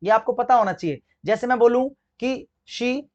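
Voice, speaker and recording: A man teaching English grammar for exam preparation, speaking Hindi with an accent from it, asking his class questions and answering them himself while he spells words out slowly. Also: very high-pitched, a little mellow, muffled recording. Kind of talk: exam-prep grammar lesson.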